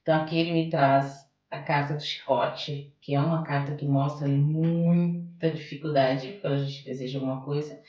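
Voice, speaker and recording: A Brazilian woman with a deep, darkish voice talks at a normal pace with few pauses and fairly even intonation, repeating phrases for emphasis. She is a podcast guest, an oracle card reader and holistic therapist, doing a card reading and answering interview questions. The lo-fi recording is in an echoey room with music playing behind her.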